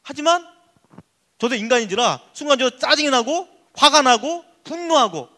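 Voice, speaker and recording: A male pastor giving an emphatic, excitable sermon at a church youth service. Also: very high-pitched, normal speed. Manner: excitable, emphatic preaching that acts out prayers.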